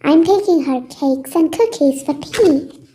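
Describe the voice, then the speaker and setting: A woman's voice: high-pitched, measured pace, dark tone, pitched above the performer's own voice. A woman voicing an innocent little girl in a children's storybook read-aloud. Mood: innocent, chatty.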